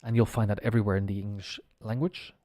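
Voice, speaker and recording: A man's voice: on the low side, level tone, quick pace, warm tone, dry recording, clean studio sound. A man teaching English pronunciation on a live stream, spelling words out letter by letter and chatting casually as he goes.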